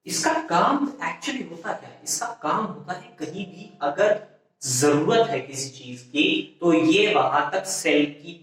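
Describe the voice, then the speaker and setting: A man's voice: a little high, lively intonation, takes it slowly, a bit bright, recorded from a distance. Man teaching in a very echoey room. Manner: repetitive call-and-response questioning, frequent self-corrections. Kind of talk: classroom biology lecture in Hindi-English mix.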